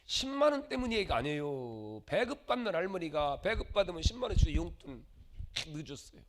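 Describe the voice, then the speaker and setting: A man preaching a sermon as pastor, dramatic, acting out the voices of the people in his stories, swinging from shouts to murmurs. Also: a little high, sing-song, a little fast.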